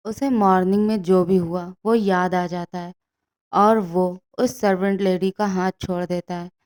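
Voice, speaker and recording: A woman narrating a fan fiction story in a steady storytelling manner. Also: fairly low pitch, measured pace, clean tone.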